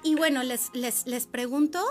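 A woman's voice: high voice, steady tone, moderate pace, faint music behind. A young woman, hosting a casual panel chat in a playful, chatty way. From Mexico. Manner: chatty and playful, many fillers. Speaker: host.

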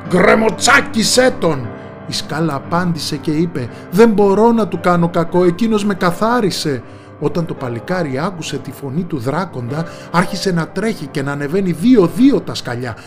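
A man's voice: on the high side, darkish tone. A man narrating a folk tale with rhythmic, repeated phrases. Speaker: storyteller.

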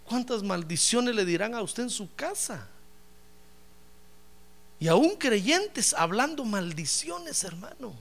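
A man preaching a sermon as pastor, with animated delivery that swings from low asides to loud praise, often calling listeners "brother". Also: takes it slowly, pauses often. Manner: addresses listeners as "hermano". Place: church.

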